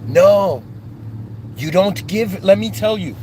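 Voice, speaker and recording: A man's voice: sits high, expressive, slow pace, darkish tone, slight background noise. A man born in Iran and raised in Canada, giving an impassioned, searching spiritual monologue with many restarts and rising outbursts. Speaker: spiritual speaker.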